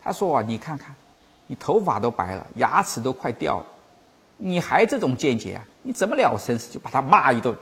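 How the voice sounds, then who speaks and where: A Buddhist teacher giving a teaching talk, telling old stories, acting out the masters' words, and slowly repeating and explaining key phrases. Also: mid-range voice, sing-song, fairly bright tone, breathy edge. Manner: storytelling, acting out quoted masters.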